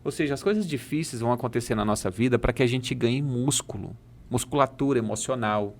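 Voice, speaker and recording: A man's voice: mid-range voice, brisk, darkish tone. A man with a Brazilian Portuguese accent, a coach and speaker, talking in a podcast and telling parables emphatically. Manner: emphatic, preachy, tells parables. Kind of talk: casual chat with storytelling.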